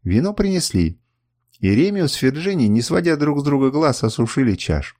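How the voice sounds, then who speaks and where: A male audiobook narrator reading a novel with dramatic, expressive delivery. His pitch moves a great deal. The recording is dry, with no room sound. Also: brisk, dry recording. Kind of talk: scripted narration.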